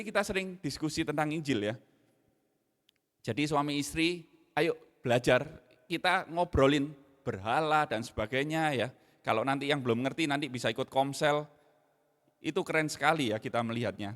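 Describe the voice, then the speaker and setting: A middle-aged man preaching a sermon in an animated way, dropping in slang. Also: a little high. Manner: animated, mixes in Javanese slang, acts out his own scolding. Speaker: pastor. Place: church hall. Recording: long hall reverb.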